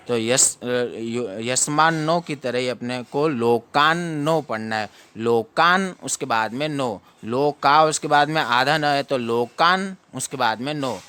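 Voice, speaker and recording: Male recitation teacher, unhurried, splits words into syllables and repeats them. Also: mid-range voice, fairly bright tone, clear, resonant tone. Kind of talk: slow syllable-by-syllable chanting lesson.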